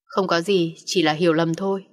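A woman's voice: fairly low pitch, steady tone, normal speed, long reverb tail, natural voice. A woman doing a curt young man. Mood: breezy. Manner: curt, commanding.

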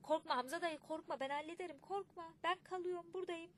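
A woman's voice: sits high, sing-song, brisk, a bit bright, a little hiss or hum, pitched above the performer's own voice. A woman voicing an eager male deputy official in an audiobook, insistently reassuring and repeating himself.

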